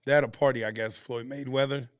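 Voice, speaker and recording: A man's voice: medium pitch, fairly even intonation, fast, dry recording, studio quality. A man from Connecticut co-hosting a casual podcast, rambling and teasing, often repeating his words before his point comes out. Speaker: podcast co-host. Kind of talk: casual chat.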